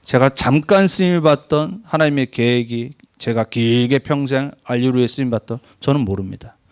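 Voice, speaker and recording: A male pastor delivers a sermon in an earnest, exhorting way. His voice sits at a middle pitch, and it leaps upward when he stresses a point. Then it settles back into calm pleading.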